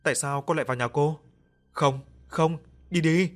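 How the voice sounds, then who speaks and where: A man voicing a terrified young woman in an audio ghost story, shouting at ghosts. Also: mid-range voice, fairly even intonation, a little fast, close to an everyday voice. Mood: frightened. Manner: shouting, frightened and angry.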